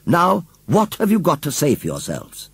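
A man's voice: fairly high pitch, huge pitch swings, moderate pace, creaky, husky, no echo, pitched above the performer's own voice, exaggerated voice. A man voicing a stern woman who scolds the children in disbelief. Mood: scolding. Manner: indignant, scolding.

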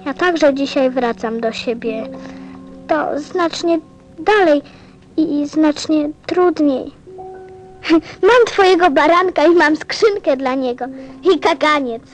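An actress playing a gentle, wistful little boy from a star in a radio play, speaking tenderly. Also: high-pitched, slow pace, long pauses, faint music behind, poor audio.

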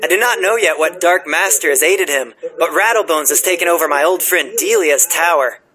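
A man's voice: fairly high pitch, a little fast, sharp tone. A man playing an earnest, helpful young townsman in scripted fantasy game dialogue, speaking formally and expressively. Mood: earnest, concerned. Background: game music.

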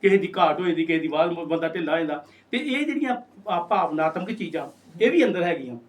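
Far from the microphone, a Punjabi poet from India in his sixties talks fast in an animated, fairly high voice. In this casual interview he spins stories and performs the voices of those he quotes.

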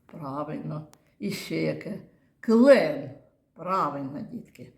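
Woman teacher for a children's lesson: unhurried, patient, sounds out words, recorded in a roomy, echoing classroom. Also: lowish voice, lively intonation, a little mellow. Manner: patient, questioning and praising, spells out sounds and syllables. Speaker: kindergarten teacher.

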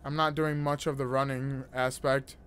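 A man's voice: medium pitch, level tone, moderate pace, background noise. A man in his twenties giving jokey, nervous, casually profane commentary as he streams a scary video game, close to a desktop microphone. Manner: nervous, jokey reactions to scares. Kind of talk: live horror game commentary. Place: indoor gaming room.

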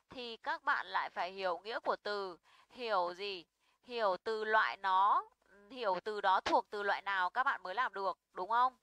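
A woman's voice: medium pitch, bright, forceful tone, clean tone, no room sound, rough recording. A young woman teaching an English pronunciation lesson. She is patient and often checks in with her students.

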